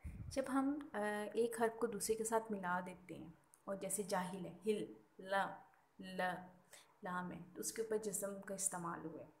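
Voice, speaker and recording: A woman's voice: medium pitch, unhurried. A woman teaching a recorded Urdu school lesson, explaining patiently and spelling words out letter by letter. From Pakistan.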